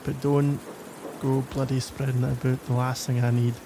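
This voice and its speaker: Speaking in a Glaswegian Scottish accent, a man takes on the role of a flirty, grumbling stranger for conversational ASMR, wry and teasing while running himself down. His medium-pitched voice keeps a level tone at a normal speed, lightly acted. Background noise is present.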